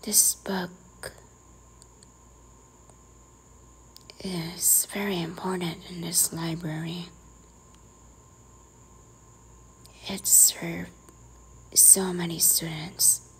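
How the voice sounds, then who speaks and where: A woman in a whispered role-play, playing a strict, teasing librarian who quietly scolds a careless visitor. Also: on the low side, little pitch movement, slow, a little hiss or hum, rough recording. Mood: hushed, stern.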